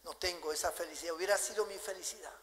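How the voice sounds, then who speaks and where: A grieving old king, voiced by a preaching man, speaks low and quiet, resigned to what he cannot have. The voice drops below the preacher's usual pitch. It rings with long reverb in a church hall. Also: quick pace. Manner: soft, subdued and resigned.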